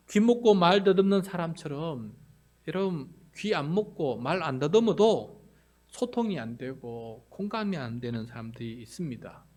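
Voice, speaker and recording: A male pastor delivering a sermon, earnest and direct with the congregation, dropping to hushed whispers and rising to loud emphatic cries. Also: mid-range voice.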